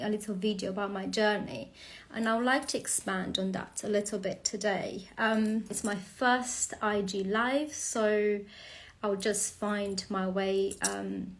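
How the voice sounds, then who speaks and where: A woman from Romania in her forties talks through her first live stream. She goes at an unhurried, careful pace, pausing often with fillers as she finds her words. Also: mid-range voice, slight background noise. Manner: slow, hesitant, with many fillers. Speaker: host.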